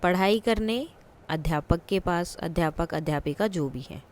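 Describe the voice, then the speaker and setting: A woman teacher explaining a worksheet in a patient way, repeating words slowly for her students. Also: lowish voice.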